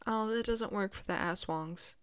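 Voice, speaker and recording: A woman's voice: mid-range voice, moderate pace, no echo. A woman co-hosting a podcast, teasing and wisecracking at her co-host in casual banter.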